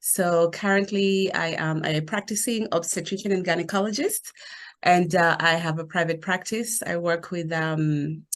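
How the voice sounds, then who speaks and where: A woman's voice: on the low side, steady tone, normal speed. A woman from Tanzania, an obstetrician, introducing herself on a video call in a friendly, slightly hesitant way.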